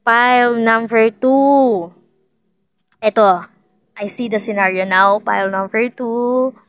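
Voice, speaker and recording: Woman, casual tarot reader, playful, repetitive, higher voice. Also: takes it slowly, clean tone. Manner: chatty, playful, repeats herself, laughs often. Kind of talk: casual tarot reading to viewers.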